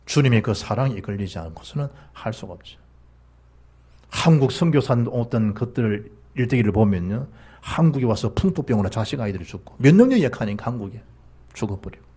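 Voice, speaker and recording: A male pastor with a Gyeongsang Korean accent, preaching a sermon in an animated manner that rises to emphatic peaks and drops low. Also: fairly quick, breathy edge. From South Gyeongsang, South Korea.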